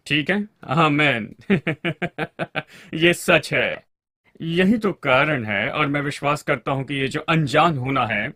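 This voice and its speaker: A man's voice: medium pitch, pushed and bright, no room sound, clean studio sound. A man preaching a sermon to a congregation and calling for amens along the way.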